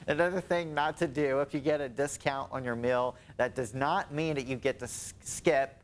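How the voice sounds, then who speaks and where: A man's voice: medium pitch, steady tone, moderate pace. A man co-hosting a local morning TV show, reading news items and the weather forecast, often breaking into laughter.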